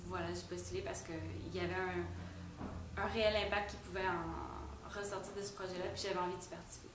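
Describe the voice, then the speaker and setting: A woman's voice: lowish voice, steady tone, a little fast. A woman from Canada answering interview questions casually, with many fillers. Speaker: volunteer. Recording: echoey room, far from mic, noisy.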